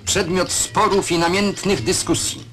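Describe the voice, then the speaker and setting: A man's voice: sits high, unhurried. A man reading voice-over for a 1970s state newsreel, in a proud, declamatory manner that poses rhetorical questions. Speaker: newsreel narrator. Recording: archival newsreel soundtrack with music underneath.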